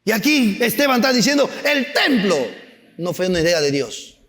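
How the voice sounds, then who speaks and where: A man preaching a sermon as pastor, animated and acting out stories, at times shouting. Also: high voice, normal speed, long reverb tail. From Peru. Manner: animated, acts out anecdotes with voices, sometimes shouting.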